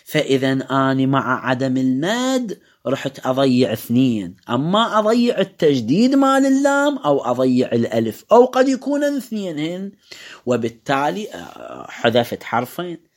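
A man's voice: mid-range voice, huge pitch swings, moderate pace. A man with an Iraqi Arabic accent teaching recitation rules, explaining step by step and drawing out words to demonstrate them. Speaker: religious teacher. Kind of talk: lecture on Quran recitation rules.

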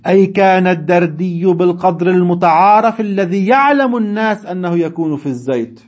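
A man's voice: high-pitched, expressive, fairly quick, a little mellow. A man teaching a seminary class, reading classical texts and explaining them in dialect with chuckling asides. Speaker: religious studies teacher.

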